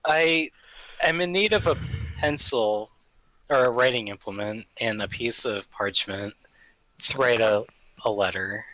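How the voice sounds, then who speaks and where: A man's voice: mid-range voice, unhurried, bright, forceful tone, no echo, poor audio. A man voicing an awkward, evasive young man affecting an older voice, young but worn, in a tabletop role-play. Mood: stiff, polite.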